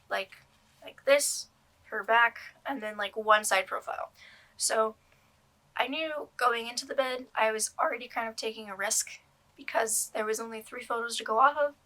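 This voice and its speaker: Bright-voiced young woman rambling about a purchase. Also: fairly high pitch. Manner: rambling, many ums and restarts. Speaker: doll collector vlogger. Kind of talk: casual vlog review.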